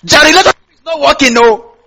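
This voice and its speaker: A man's voice: very high-pitched, fast, creaky, pushed and bright. A man from northern Nigeria with a Hausa accent preaches a sermon conversationally, repeating phrases and putting questions to his listeners. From Kaduna State, Nigeria. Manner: conversational, repeats phrases, asks listeners to complete or confirm lines. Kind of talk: sermon to a congregation.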